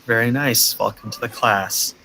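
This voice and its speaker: A man from the teaching a beginner English class over a video call, patient and clear, with a friendly welcoming manner. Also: medium pitch, normal speed, slight background noise, low-quality recording. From United States, Minnesota. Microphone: video call headset or webcam mic.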